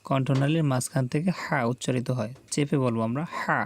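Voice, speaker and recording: A man's voice: mid-range voice, darkish tone. A man teaching Quran reading, sounding out letters one at a time and patiently urging the viewer to repeat each one after him. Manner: patient, deliberate, coaxing learners to repeat aloud. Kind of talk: slow call-and-repeat letter drill.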